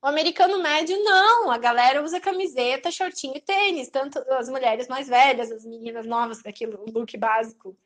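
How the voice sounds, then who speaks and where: High-voiced Brazilian woman chatting casually. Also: a little fast, hardly any pauses. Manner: chatty and lively, acting out quoted people in passing. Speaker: podcast host. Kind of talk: casual chat.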